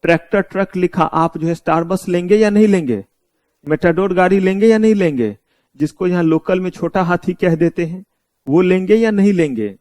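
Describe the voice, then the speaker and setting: Indian male law lecturer, slightly high voice, explains by firing rhetorical questions at students. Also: moderate pace, darkish tone, no room sound. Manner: mixes English terms into Hindi. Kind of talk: classroom lecture.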